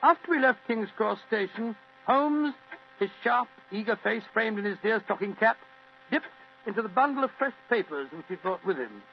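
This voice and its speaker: An actor playing a genial older British gentleman doctor who tells stories in an old radio drama. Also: high-pitched, expressive, moderate pace. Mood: genial, reminiscing. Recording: muffled old radio recording with hum and hiss.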